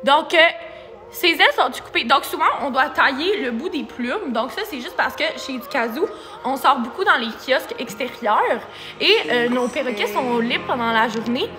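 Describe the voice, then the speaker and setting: A woman's voice: high-pitched, expressive, moderate pace, in a large hall, over music. A young Québécois woman presenting a parrot on a live stream, playful and laughing, cooing and singing to the bird. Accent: Québécois French. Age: young adult. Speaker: animal educator presenting a parrot.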